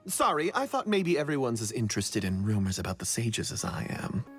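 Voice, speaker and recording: A curious, chatty townswoman from a fantasy video game who loves gossip. Her voice sits very low with lively swings. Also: fairly quick, soft background music. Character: gossip-loving woman townsperson.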